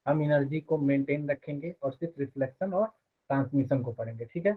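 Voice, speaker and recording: Teacher with a phone-like sound, man. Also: on the high side. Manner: explains step by step, quizzes students with quick questions. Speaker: physics teacher. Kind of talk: live online class.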